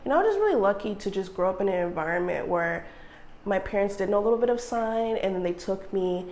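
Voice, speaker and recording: A woman sign language interpreter speaking in the first person, measured and earnest, with steady pauses. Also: medium pitch.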